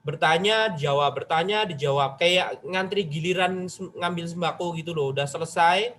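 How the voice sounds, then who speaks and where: A man's voice: a little high, normal speed, a bit bright, a little hiss or hum. A man teaching a conversational religious study lecture, retelling a story and asking his listeners questions directly. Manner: chatty, addresses listeners directly with rhetorical questions; retells a story, voicing its figures in quoted lines.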